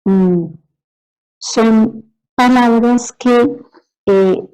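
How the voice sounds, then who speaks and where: Woman, lecturer, relaxed dark voice, patient, keeps asking if students follow. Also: a little high, drawn-out words, clean tone, low-quality recording. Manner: explanatory, asks "¿sí?" to check understanding. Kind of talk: university lecture.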